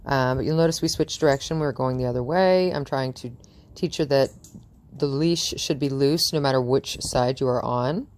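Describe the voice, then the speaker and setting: A woman's voice: a bass voice, moderate pace, darkish tone. A woman dog trainer chatting through a training session outdoors in front of a house, cooing praise at the dog and laughing often.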